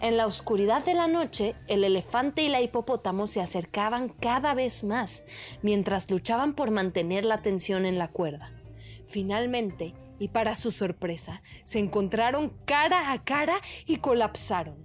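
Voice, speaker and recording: A woman narrating a children's fable in a lively, expressive storytelling manner. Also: mid-range voice, normal speed, faint music behind.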